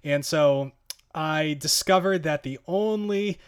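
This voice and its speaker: A man's voice: on the high side, takes it slowly, smooth. A man hosting a podcast in casual chat, rambling with fillers and nervous laughs. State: gasping from hot sauce heat. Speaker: podcast host.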